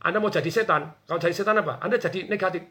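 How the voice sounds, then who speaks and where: Energetic male business coach, high and bright, jumps into quoted voices. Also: very fast. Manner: energetic, acts out quoted bosses and workers. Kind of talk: animated radio talk.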